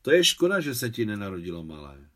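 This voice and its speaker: A man's voice: on the low side, very animated, fairly bright tone. A man reading as a firm young widow. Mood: wistful. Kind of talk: literary audiobook reading.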